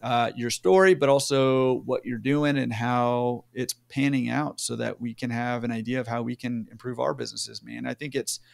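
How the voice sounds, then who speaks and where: A man's voice: mid-range voice, fairly even intonation, normal speed, vocal fry, hardly any pauses. A man hosting a podcast, upbeat and encouraging, talking casually with many fillers. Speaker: podcast host.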